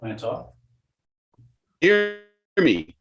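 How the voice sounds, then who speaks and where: A man's voice: fairly high pitch, very animated, extremely slow. A man calling into a public meeting over a video call. His audio keeps breaking up, and he keeps checking whether he can be heard. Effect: audio breaking up over a bad video-call connection. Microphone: computer microphone on a video call. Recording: muffled lo-fi video-call audio, faint music behind.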